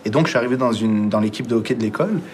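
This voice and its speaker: A young man with a Quebec French accent speaks as a radio guest, reflective and storytelling. His words tumble out at a rapid clip, full of little restarts, with faint ambience behind him. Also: mid-range voice, a little hiss or hum. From Montreal. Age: young adult. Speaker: filmmaker guest. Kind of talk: casual radio conversation.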